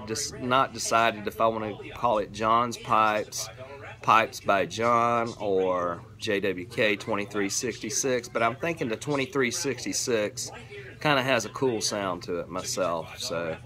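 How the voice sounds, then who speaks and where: A man's voice: fairly low pitch, a bit bright. An American man in his fifties chatting casually to camera in a folksy, laid-back way with playful catchphrases, as host and hobby pipe maker. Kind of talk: casual vlog chat. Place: covered porch outdoors. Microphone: camera or phone at arm's length. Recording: faint radio music behind voice. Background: local radio playing music.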